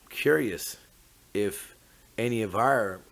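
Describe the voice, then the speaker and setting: Low-voiced First Nations Canadian man, Mi'kmaq accent. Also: slow, vocal fry. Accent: First Nations Canadian English, Mi'kmaq. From Mi'kma'ki, eastern Canada. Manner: rambling, reflective, often ends phrases with "eh". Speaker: host of a talk on traditional teachings. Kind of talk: informal unscripted talk.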